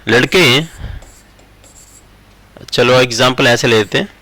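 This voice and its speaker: Bright male teacher. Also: medium pitch, no echo, low-quality recording. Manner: slow word-by-word dictation, repeating phrases. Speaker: English teacher. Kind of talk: explaining grammar while writing examples.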